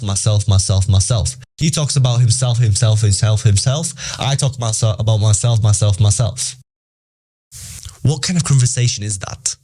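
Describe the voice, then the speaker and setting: A young British podcast host with a British English accent gives a casual motivational talk to teenagers. His mid-range voice has a darkish tone, and his delivery is emphatic and repetitive.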